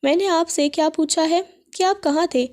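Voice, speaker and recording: A woman's voice: extremely high pitch, a little mellow. A woman reading a hurt, pleading young wife. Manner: pleading, emotional.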